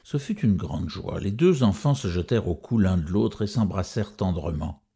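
A man narrating a fairy tale as a storyteller, with expressive, sweeping intonation. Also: low-pitched, moderate pace, gravelly, slightly rough.

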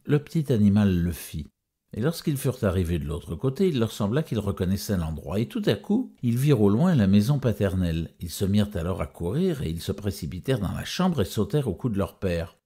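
A man telling a fairy tale as a storyteller. His voice is very low, dark and husky. His intonation rises and falls widely. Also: very animated, brisk.

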